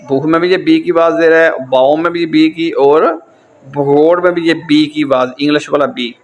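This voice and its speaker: Speaking with a fairly high pitch, this Pakistani-accented man gives a laid-back German lecture. He goes over every point repeatedly rather than moving on.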